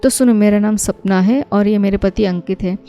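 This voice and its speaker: Cheerful teasing young wife in a spoken horror story, woman voicing her, mellow, soft music under it. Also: medium pitch, fairly even intonation, moderate pace, clear, resonant tone, natural voice. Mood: playful. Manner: playful, teasing. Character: young cheerful housewife who writes stories.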